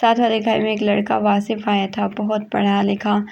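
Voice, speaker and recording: A woman narrates a dramatic moral story in a steady storybook reading. Her voice is gravelly and almost flat in pitch, and the recording is dull and lo-fi. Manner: monotone reading.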